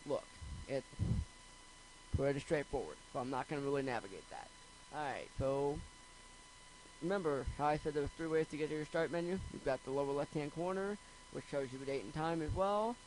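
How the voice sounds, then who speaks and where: A man hosts a casual, rambling computer screencast tutorial, tossing in jokey, self-deprecating asides. His voice is a little high, and the low-quality recording carries slight background noise.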